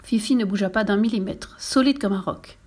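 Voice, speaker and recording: A woman narrating a children's storybook with a lively, expressive reading. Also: mid-range voice, fairly quick.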